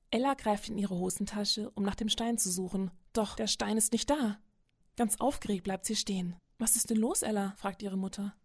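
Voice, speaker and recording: A woman's voice: mid-range voice, a little mellow, no echo, clean studio sound. Woman reading children's stories. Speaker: storyteller.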